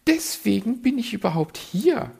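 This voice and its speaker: A man voicing a vain, fussy female magpie in a read-aloud story, with a shrill, indignant way of talking. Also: sing-song, moderate pace, vocal fry, a little mellow, slightly rough, exaggerated voice. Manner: shrill, indignant, fishing for compliments.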